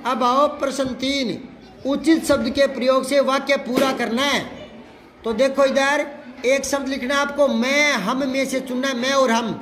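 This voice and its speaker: A man's voice: very high voice, fairly even intonation, unhurried. A male teacher, drilling a class on grammar and often repeating answers back as questions. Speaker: Hindi teacher. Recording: faint crowd and room noise.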